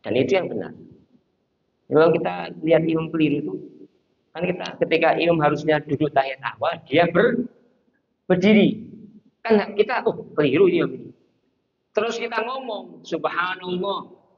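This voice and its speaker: A man giving a lively lecture on Islamic law in a mosque, acting out small scenes. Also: on the high side, normal speed, creaky, pauses often, muffled recording. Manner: animated, acts out little scenes and chants to show intonation. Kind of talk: conversational religious lecture. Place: mosque hall.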